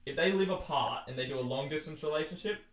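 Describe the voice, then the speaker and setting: A man's voice: a little high, quick pace. A young man co-hosting a casual podcast chat, joking, laughing and slipping into mocking put-on voices. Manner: jokey, breaks into laughter, mimics people in loud put-on voices. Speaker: podcast co-host. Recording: roomy echo.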